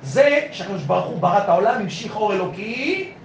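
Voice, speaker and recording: Rabbi, male, high voice, emphatic preaching, roomy echo, faint hiss. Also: animated, creaky. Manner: emphatic, repeats phrases, acts out dialogue in soft voice. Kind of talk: sermon. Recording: echoey room with faint noise.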